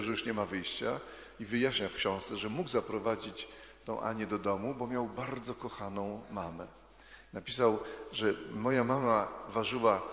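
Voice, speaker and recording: A man tells a story to a group of children, chatty and easygoing, stopping to put questions to them. His voice is low and gravelly. The sound carries a long reverb, as in a big, roomy hall. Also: fairly bright tone. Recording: echoey hall.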